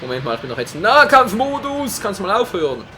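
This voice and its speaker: A man narrates his own gameplay in a high, bouncy voice that swings all over the place. He jokes around and erupts into sudden shouts as the action turns. Faint game music plays behind him. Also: a little fast. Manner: excitable, jokey, prone to sudden shouts. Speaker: let's play commentator. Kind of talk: live gameplay commentary.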